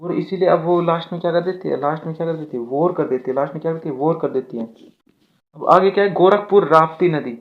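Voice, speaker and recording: A man's voice: fairly high pitch, fast. A man teaching exam mnemonics, often asking a question and answering it himself and repeating his lines. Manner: repetitive, asks and answers his own questions. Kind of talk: exam-prep mnemonic lesson. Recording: tinny phone-like audio.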